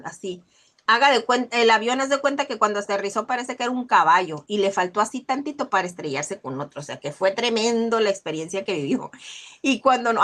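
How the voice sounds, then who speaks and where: A woman hosting a casual motivational book talk, animated, often acting out the people she describes. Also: on the high side. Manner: animated, acts out scolding mothers. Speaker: host of a book discussion.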